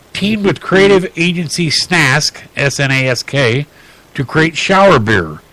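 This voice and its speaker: A man hosting a radio talk show, reading odd news stories aloud in a chatty, halting way with many fillers and restarts. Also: a little high, a bit bright, no echo, poor audio.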